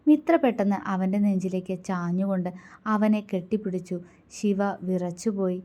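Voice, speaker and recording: A woman narrating a romantic story from a written text. She reads at a steady, even pace in a mid-range voice. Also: mid-range voice, normal speed.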